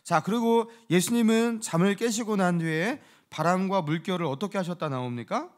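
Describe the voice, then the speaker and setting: A male pastor giving a dawn sermon, lively and animated, acting out quotes and laughing now and then. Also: high-pitched, normal speed. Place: church sanctuary.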